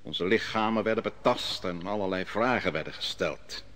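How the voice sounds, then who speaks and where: The speaker is an actor in a 1950s Dutch radio play, cast as a prophet who narrates, an exile now grown, solemnly remembering his early years at a foreign king's court. His voice is deep and slightly bright, his delivery measured and solemn.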